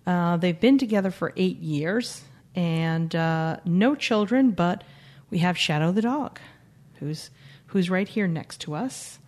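A woman co-hosts a podcast, chatting casually and introducing guests with wry, joking asides. Her voice is fairly low and darkish in tone, slow in pace, with lively intonation.

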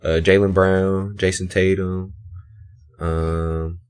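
A man co-hosting a podcast, chatting in a laid-back way, pausing with ums as he recalls details. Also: sits low, little pitch movement, a little mellow, clear, resonant tone. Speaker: podcast co-host. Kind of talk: casual chat.

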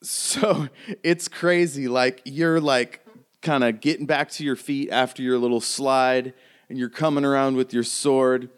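A man's voice: mid-range voice, fairly even intonation, unhurried, clean tone. A man narrating a tabletop game as game master, casual and swearing freely. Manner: casual, swearing, laughing often.

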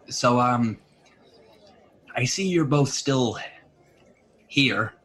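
A man's voice: mid-range voice, expressive, extremely slow, a bit bright, a little hiss or hum. A man playing a tabletop game, casual and wry, joking in character. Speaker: player.

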